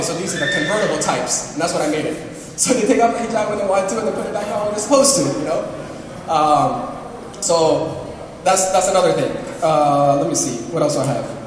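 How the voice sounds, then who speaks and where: A high-voiced young man from Saudi Arabia tells comic stories from a stage, chatty and laughing as he asks the crowd questions. He sounds far from the microphone, with a long reverb from a big hall behind him. Faint room noise sits under his voice. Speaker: open mic storyteller. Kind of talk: comic storytelling to a live audience. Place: large hall. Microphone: distant room mic. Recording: echoey hall recording from far off.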